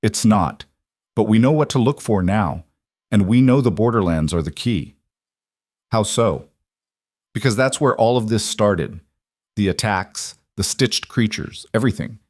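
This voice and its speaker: A man voicing a steady, fierce young woman who speaks firmly and directly in a spoken story. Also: lowish voice, unhurried, dry recording, studio quality. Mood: resolute. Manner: firm and direct.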